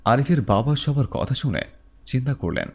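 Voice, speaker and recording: A man's voice: animated, moderate pace, a little mellow, breathy edge. A man narrating a dramatized story and giving each character a voice of its own. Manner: voices every character with shifts in pitch.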